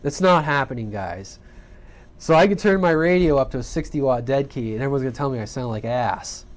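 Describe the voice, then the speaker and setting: At a home workbench indoors, a man with a mid-range, fairly quick voice gives an unscripted hobby radio tutorial. He talks in a plain, colloquial way and keeps checking in with the listener.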